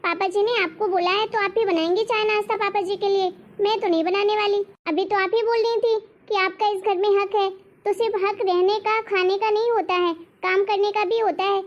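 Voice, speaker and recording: A woman voicing a vain young sister-in-law in an animated story, answering back with mockery. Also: very high-pitched, moderate pace. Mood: mocking. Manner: mocking, sharp-tongued. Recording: dull lo-fi recording.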